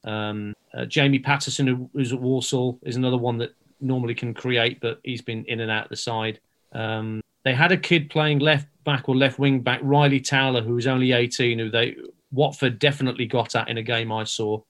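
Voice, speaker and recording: A man giving a measured, analytical football preview with some ums. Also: medium pitch, level tone, fairly bright tone. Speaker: football pundit. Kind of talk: casual match preview.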